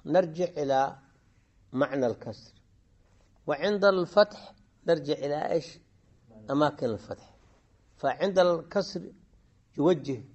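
A man's voice: a little high, darkish tone, highs cut off. Man teaching grammar, questioning students. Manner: questioning students, pausing and repeating phrases. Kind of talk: classroom lesson explaining a grammar poem.

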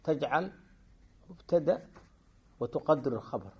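A man teaching a grammar lesson, often pausing to quiz his students and repeating key phrases. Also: on the high side, animated, slightly rough, muffled recording. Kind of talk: classroom lesson explaining a grammar poem.

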